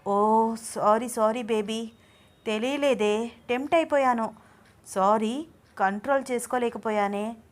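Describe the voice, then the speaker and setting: A woman's voice: a little high, measured pace, long pauses, lightly acted. A playful young husband, put on by a woman reading a story aloud. He teases and coaxes, calling his wife babe. The voice stays close to the reader's own everyday speech. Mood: apologetic. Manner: teasing, coaxing, calls his wife babe.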